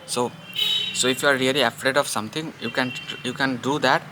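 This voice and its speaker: A Bengali vlogger from India talks briskly in a steady, medium-pitched voice while eating in a public outdoor place. His chatter wanders and repeats, full of asides to the audience, and the background is noisy.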